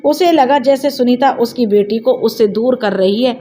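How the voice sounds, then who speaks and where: Woman storyteller, steady expressive narration, a bit high-pitched. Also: normal speed.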